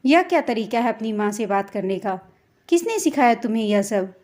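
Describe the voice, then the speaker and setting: A woman's voice: on the high side, lively intonation, normal speed, darkish tone, close to an everyday voice. A woman voicing a strict young mother in a family story, coaxing and scolding her son. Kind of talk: storytelling role voice.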